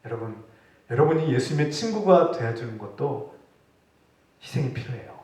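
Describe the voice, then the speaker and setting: A man's voice: mid-range voice, animated, normal speed. Brief: earnest male pastor delivering a sermon, rising and falling in emphasis, captured from a distant mic in a big echoey church. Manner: earnest preaching, voice rising for acted rebukes, dropping for quiet points. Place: church sanctuary.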